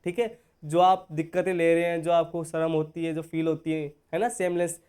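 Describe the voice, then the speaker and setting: Male tutor, high and clear, patient step-by-step explainer to his students. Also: little pitch movement, normal speed, a little mellow. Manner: explains step by step, often checking in with "okay?"; addresses viewers as dear students. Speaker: English teacher. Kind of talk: online spoken-English lesson.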